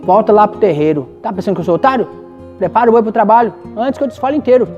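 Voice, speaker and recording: A woman's voice: medium pitch, racing, mellow, muffled recording, soft background music, natural voice. A woman with a Brazilian accent voicing a cruel, scolding plantation baron in a told folk tale. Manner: scolding, threatening. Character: harsh, cruel plantation baron, older man.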